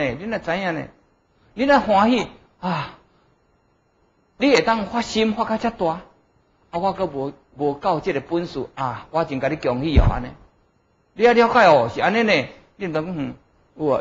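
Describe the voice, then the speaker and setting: A middle-aged Buddhist monk with a Taiwanese Hokkien accent lectures in a somewhat high male voice. He teaches didactically, punctuating his points with short interjections and questions to check understanding. The recording is a little dull and lo-fi. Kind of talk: Dharma lecture. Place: indoor lecture room at a desk before a blackboard.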